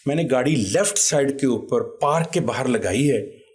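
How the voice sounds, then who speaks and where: A man's voice: medium pitch, lively intonation, a little mellow. A man, telling a personal story as an interview guest in a vivid, conversational way. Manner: vivid anecdotal retelling, acts out quoted voices.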